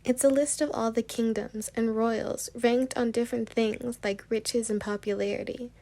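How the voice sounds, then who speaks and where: A woman reading a fan story aloud, voicing a tearful, anxious young princess in a soft, slightly gravelly voice. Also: on the high side, steady tone, normal speed, natural voice.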